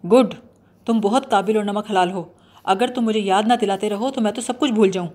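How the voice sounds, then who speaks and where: A woman's voice: mid-range voice, a little mellow, natural voice. Woman reading a blustering pompous young man. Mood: mock-serious. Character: bumbling eccentric young man, mock-serious.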